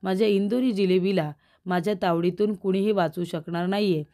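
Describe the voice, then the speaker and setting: Give me a threatening lecherous villain read out by a woman, mellow tone. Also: medium pitch, brisk, natural voice. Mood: menacing. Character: menacing lecherous young man villain.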